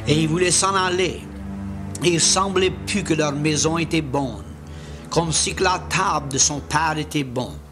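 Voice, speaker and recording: A Louisiana man with a Cajun French accent and a voice on the high side preaches an evangelistic sermon, telling Bible stories in a plain, folksy way and making earnest appeals.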